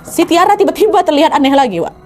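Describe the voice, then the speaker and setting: A young woman telling a horror story in a casual, chatty way, talking straight to her listeners and raising her voice for dramatic moments. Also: quick pace. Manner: animated, swings pitch for dramatic quotes; addresses listeners directly, chatty.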